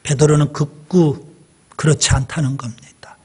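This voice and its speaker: A male pastor delivers a sermon in a church. His voice sits a little high for a man and carries a husky, slightly breathy grain. He speaks slowly and deliberately, with pauses for emphasis, and turns often to the congregation. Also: steady tone, a little mellow.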